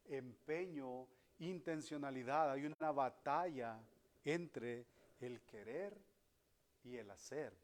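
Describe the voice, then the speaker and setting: A man preaching a sermon as pastor, emphatic, acting out the voices he quotes. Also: medium pitch.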